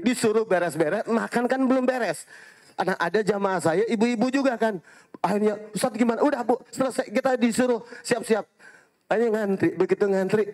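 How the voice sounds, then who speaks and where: Animated high-voiced preacher. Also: male voice. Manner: animated storytelling, quoting Arabic phrases, addressing audience as Pak, Bu. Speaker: Islamic preacher and hajj guide. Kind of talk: sermon with anecdotes.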